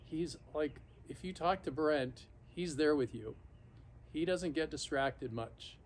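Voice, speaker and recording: A man in his fifties or sixties talks casually and unscripted to a camera a few feet away, reflective and halting, pausing mid-sentence. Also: a little high. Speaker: vlogger. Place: backyard patio outdoors, sitting in an ice bath. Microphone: camera or phone a few feet away. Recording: outdoor noise, camera some feet away. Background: clear outdoor ambient noise.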